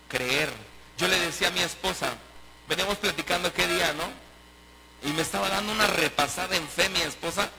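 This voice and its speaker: A man's voice: a little high, noisy background. A man preaching a sermon as pastor, emphatic and full of rhetorical questions. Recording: preaching over loud music. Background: loud music.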